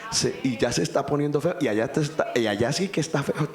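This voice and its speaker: A man preaching a sermon as pastor, impassioned and rising to shouts. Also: on the high side, expressive, fast talker, reverberant.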